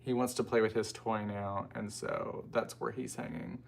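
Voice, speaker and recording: An American man hosts a casual livestream, reading out viewer comments and answering them in an informal, rambling way full of asides. His lowish voice stays steady at a moderate pace, with vocal fry and a bit of background noise.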